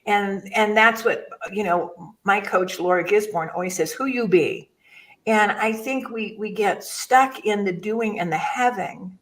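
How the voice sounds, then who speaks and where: A woman's voice: mid-range voice, a little slow, fairly bright tone, distant mic, low-quality recording. Older woman telling stories, off-mic. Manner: storytelling, rambling, self-interrupting. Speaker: guest, mindset chaplain. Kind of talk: casual conversation.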